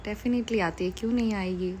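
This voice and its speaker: A woman hosting a casual live chat with fans, relaxed and laughing often, mixing Hindi and English. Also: medium pitch, normal speed, slight background noise. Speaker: live-stream host chatting with fans.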